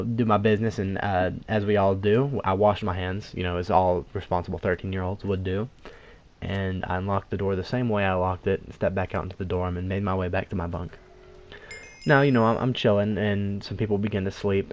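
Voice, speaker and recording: A man narrates a storytime video at a rapid clip, his voice sitting a bit low. He rambles with lots of asides and "you know" fillers and throws in dry jokes as he goes.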